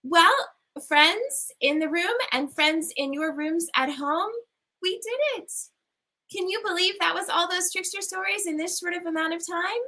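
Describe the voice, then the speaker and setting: A woman hosts a storytelling event and gives closing remarks. Her voice sits high and has a bright, forward sound. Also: unhurried. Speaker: event host.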